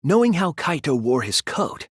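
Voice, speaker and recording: Very animated yet deliberate, an earnest teenage boy detective in an English video game explains his deductions about a murder, focused and clear. His breathy, soft-edged voice sits at medium pitch and swings expressively, and he gives his analytical points dramatic weight. The recording is very dry with no room sound.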